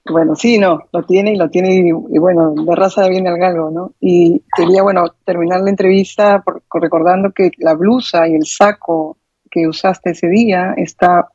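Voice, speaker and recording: A woman's voice: lowish voice, steady tone, normal speed, warm tone, slightly rough, dry recording. A woman interviewer asking questions, repeating words as she forms them. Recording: dull dry recording.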